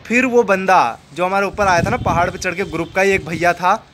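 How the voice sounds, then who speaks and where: Casually narrating a personal story, a young Rajasthani-accented Hindi speaker talks fairly quickly in a high voice, repeating lines and impersonating those he quotes. The background is noisy.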